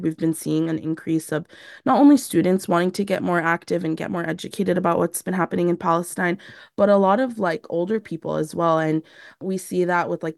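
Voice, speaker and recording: Low, gravelly young woman organizer. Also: no room sound, studio quality. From San Diego, USA. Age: young adult. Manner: earnest, frequent "you know" and "like". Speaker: youth organizer guest. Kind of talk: radio interview.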